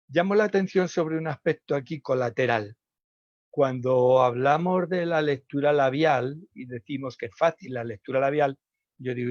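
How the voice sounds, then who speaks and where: A man's voice: mid-range voice, dry recording. Man from Spain giving a dull video-call lecture. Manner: didactic, slowly sounding out example words. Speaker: speech therapist lecturing. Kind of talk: online lecture.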